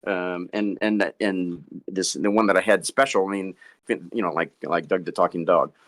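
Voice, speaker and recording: A man's voice: deep voice, fairly even intonation, normal speed, a bit bright. A middle-aged man tells stories as a ventriloquist guest in a casual interview, stammering over repeated words and chuckling. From Boston.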